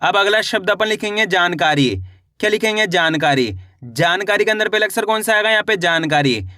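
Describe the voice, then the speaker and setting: A man teaching children to read, who sounds out each syllable slowly and then answers his own questions. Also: high-pitched, lively intonation, sharp tone, dry recording, studio quality. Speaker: Hindi reading teacher. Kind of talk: spelling lesson.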